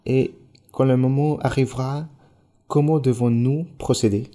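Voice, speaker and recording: A man in the congregation asks his questions slowly and respectfully. His voice is mellow and dark, and he pauses with small fillers. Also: medium pitch, steady tone. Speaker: church member asking a question.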